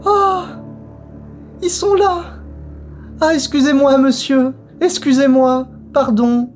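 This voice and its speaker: A man voicing a frantic little old woman who keeps accusing and pleading in a shrill, insistent voice. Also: steady tone, takes it slowly, a little mellow, soft background music. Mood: flustered apologetic. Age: older. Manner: shrill, insistent, repeating herself.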